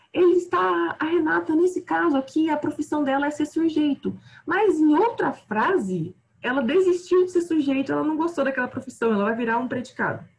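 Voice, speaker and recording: Chatty Brazilian woman teaching grammar. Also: high-pitched. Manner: chatty, self-deprecating, often trails off quietly. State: tired. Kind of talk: online grammar class.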